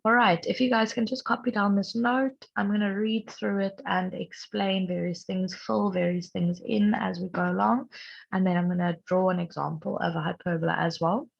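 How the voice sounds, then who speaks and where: A young woman maths teacher who is sick and strained, patiently explaining a recorded lesson and clearing her throat often. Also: medium pitch, steady tone, moderate pace. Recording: dull lo-fi recording.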